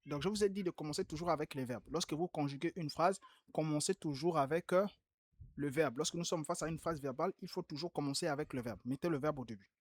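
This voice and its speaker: A man's voice: a little high, quick pace. Patient man correcting homework aloud. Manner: patient, repeats key points emphatically. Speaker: Arabic teacher. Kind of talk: online class, correcting homework.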